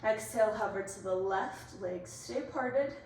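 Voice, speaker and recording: A woman leading an exercise class as instructor, giving brisk, directive cues and counts in short imperative phrases. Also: medium pitch, a little mellow. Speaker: workout instructor. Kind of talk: exercise class coaching, cueing moves and counts. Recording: echoey room, distant mic, faint noise.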